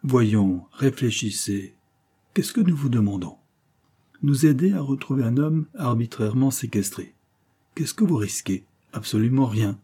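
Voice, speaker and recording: A man's voice: mid-range voice, expressive, a little slow, warm tone, husky. A man reading an audiobook, voicing a scheming, seductive adventuress who coaxes and wheedles. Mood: coaxing. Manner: coaxing, wheedling.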